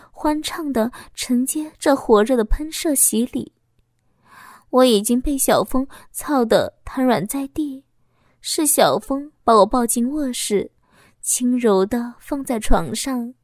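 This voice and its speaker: A woman narrating a first-person audio story in a soft, intimate reading voice, sometimes dropping to a whisper. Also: a little high, no echo, clean studio sound.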